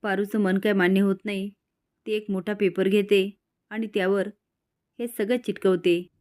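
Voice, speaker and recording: A woman reading out a recap of a family TV serial, telling events in a plain, steady storytelling voice. She moves from scene to scene in simple narration. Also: mid-range voice, moderate pace.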